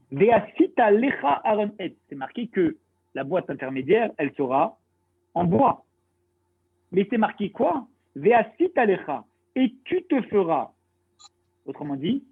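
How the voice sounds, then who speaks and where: A man's voice: sits high, slightly rough. A man giving a Talmud lesson, asking rhetorical questions and reading and translating Hebrew terms as he explains. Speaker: Talmud teacher. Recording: tinny phone-like line.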